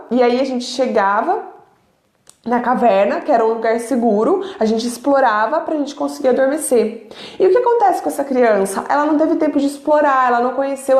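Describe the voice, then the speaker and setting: Woman in her thirties, high voice, chatty sleep coach addressing parents, echoey room. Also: darkish tone. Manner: conversational, asks the audience rhetorical questions. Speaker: sleep consultant. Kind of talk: informal teaching talk to parents.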